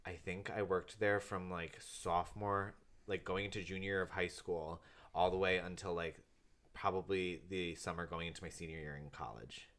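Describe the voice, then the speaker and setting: Man, 20s, deep voice, laid-back rambling talker. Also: moderate pace. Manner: relaxed, rambling with fillers. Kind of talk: casual chat.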